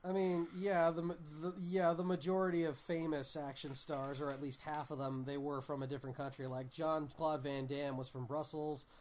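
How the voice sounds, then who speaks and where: A man's voice: on the high side, level tone, moderate pace, hardly any pauses, slight background noise. A man chatting casually about films on a podcast, emphatic and joking. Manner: emphatic, joking, puts on mock voices. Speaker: podcast co-host. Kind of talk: casual chat.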